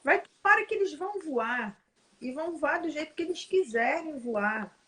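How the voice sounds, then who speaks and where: A woman's voice: high-pitched, expressive, moderate pace, noisy background. A woman in her forties with a Brazilian Portuguese accent, in a casual conversation, talking emphatically and speeding up as she tells stories.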